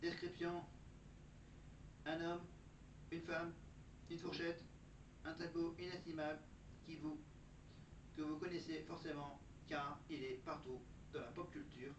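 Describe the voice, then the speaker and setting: A man putting on the flat, monotone voice of a chatbot robot while reading out facts, picked up far from the mic in a dull, noisy recording. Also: fairly high pitch, echoey room, close to an everyday voice. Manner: even, mechanical reading of facts. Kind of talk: factual segment delivered as a robot.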